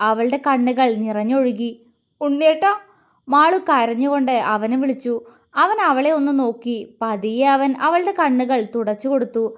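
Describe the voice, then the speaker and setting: A woman storyteller narrating an audio series in a gentle, emotive way. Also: sits high, moderate pace.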